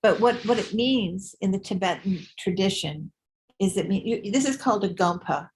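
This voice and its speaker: A woman's voice: mid-range voice, moderate pace, darkish tone, a little hiss or hum, rough recording. An older woman from the United States giving a chatty, informal Buddhist teaching in a meditation room, often repeating words as she thinks. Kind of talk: informal dharma talk to a group.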